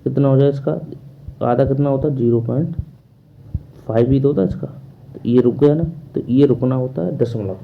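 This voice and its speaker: A man's voice: mid-range voice, moderate pace, gravelly, pauses often, narrow, tinny audio, a little hiss or hum. A man teaching a math class online, asking questions and answering them himself in a repetitive drilling manner.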